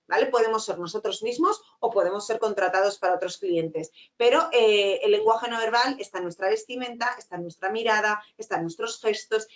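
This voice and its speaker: Middle-aged woman lecturer, rapid but clearly articulated, slightly dull lo-fi class recording. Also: mid-range voice. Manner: fast-talking with frequent "¿vale?" tags. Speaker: teacher. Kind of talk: online lecture.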